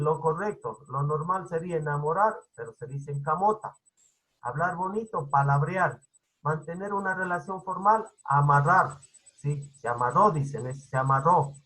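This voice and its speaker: A man's voice: a little high, sharp tone, rough recording. A male teacher giving an online class over a video call. He keeps checking understanding with "¿sí?" and repeats his points. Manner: repetitive, instructive.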